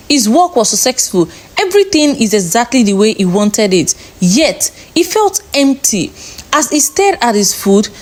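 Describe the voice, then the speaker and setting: A woman narrating a storybook in an expressive, lilting way. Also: on the high side.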